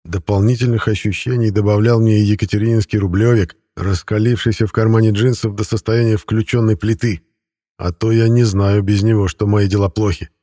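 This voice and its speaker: A man's voice: fairly low pitch, fairly even intonation, fairly quick, mellow, no room sound, studio quality. A man narrating a first-person fantasy audiobook in a wry, conversational manner.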